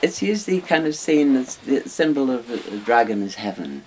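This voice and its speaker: A mid-range, slightly mellow male voice, very animated and at normal speed, belongs to an older Welsh expert on Chinese dragons being interviewed. He explains things casually in a small book-lined room, and the recording is rough, with hissy background noise.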